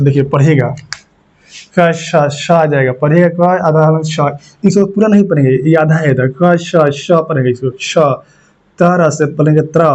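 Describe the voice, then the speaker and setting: A man teaches an exam grammar lesson, drilling each point and quizzing the class. His voice sits a little high but sounds mellow and soft-edged. The recording is muffled and lo-fi.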